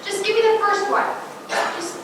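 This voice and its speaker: A young actress playing a persistent woman detective who gently probes and coaxes a witness in a live stage play. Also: extremely high pitch, fairly even intonation, moderate pace. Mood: probing. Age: teens. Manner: gentle, probing, coaxing questions. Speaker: high school stage actor. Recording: echoey theater taped from far off, hiss.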